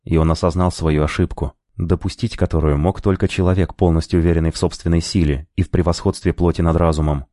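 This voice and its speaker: Low-voiced man narrating a fantasy. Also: fairly even intonation, quick pace, hardly any pauses, dark tone, no echo, studio quality. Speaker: audiobook narrator.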